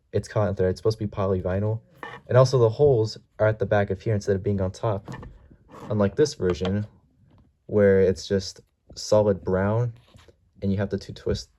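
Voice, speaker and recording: A man giving a casual product comparison as a toy reviewer. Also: fairly low pitch. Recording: mellow home recording, faint noise.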